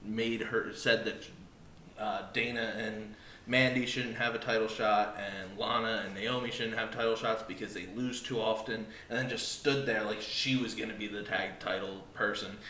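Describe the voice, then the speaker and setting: Podcast co-host, male, bright forceful voice, blunt and sarcastic, echoey room. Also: on the low side, fairly even intonation, moderate pace. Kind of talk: casual wrestling review chat. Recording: echoey room with faint noise.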